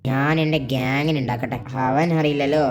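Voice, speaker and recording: A woman's voice: extremely low pitch, steady tone, a little fast, a crowd in the background, voice pushed down. A woman voicing a scheming rival boy who does magic in a game role-play, talking in a sly, plotting way.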